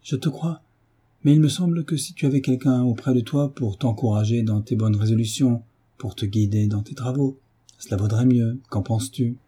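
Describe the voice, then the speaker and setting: A man reading a novel aloud, voicing a gentle mother who pleads tenderly but stays firm with her son. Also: medium pitch, normal speed, slightly rough, close to an everyday voice.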